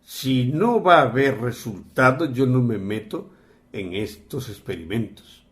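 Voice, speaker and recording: A stern spiritual master barks commands and demands respect, voiced by a man retelling the scene. The voice sits at an ordinary male pitch and rises into forceful orders. It is a plain everyday voice brought to a story. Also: lively intonation, unhurried. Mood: probing calm.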